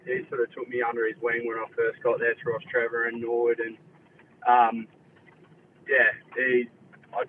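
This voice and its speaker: A man's voice: medium pitch, monotone, moderate pace, long pauses, phone-quality sound, slight background noise. A man in his early twenties from country Australia, with a laid-back, laconic Australian drawl, answering casually as a footballer in an interview. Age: early 20s.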